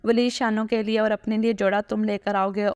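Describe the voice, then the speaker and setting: An elderly grandmother who runs the house gives brisk orders, read out by a woman narrator. The voice stays level and flat, recorded close and dry. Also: mid-range voice, smooth, no echo, natural voice. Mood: commanding. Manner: authoritative, brisk.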